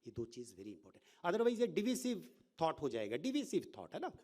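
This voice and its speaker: Animated male professor giving a lecture. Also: on the high side, normal speed. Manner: animated, often checking in with rhetorical questions; mixes English words into his speech. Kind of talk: informal lecture.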